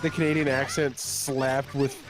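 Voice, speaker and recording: A man's voice: medium pitch, little pitch movement, moderate pace, background noise. A man casually chatting on a game stream, explaining game rules in a knowledgeable way. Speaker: streamer, co-player. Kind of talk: casual gaming chat. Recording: game music behind. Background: game music.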